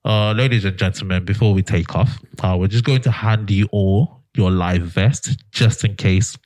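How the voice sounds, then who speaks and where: A man putting on the voice of a calm airline pilot making cabin announcements, slow and deliberate. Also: lowish voice, dry recording, pitched below the performer's own voice, natural voice. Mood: mock-formal.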